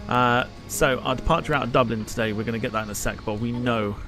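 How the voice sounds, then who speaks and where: A man's voice: mid-range voice, fast talker, over music. A man giving casual live-stream commentary as a flight simulator pilot, informally thinking aloud as he works through tasks.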